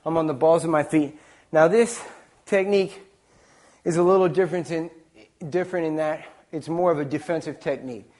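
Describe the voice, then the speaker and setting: A man's voice: fairly high pitch, brisk, a little mellow. A man teaching a martial arts technique as an instructor, explaining it step by step in short phrases. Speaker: taekwondo instructor, presenter. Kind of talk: instructional demonstration talk.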